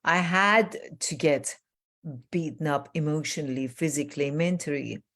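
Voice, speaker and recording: Low gravelly woman originally from Iran. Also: moderate pace. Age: older. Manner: warm, effusive, rambling with many fillers. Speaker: host, transformational coach. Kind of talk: casual interview chat.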